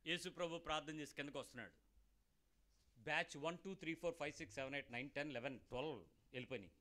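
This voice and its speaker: A middle-aged preacher with a high, bright, ringing voice. He drives his sermon with emphatic rhetorical questions, one after another. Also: racing. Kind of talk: Telugu sermon.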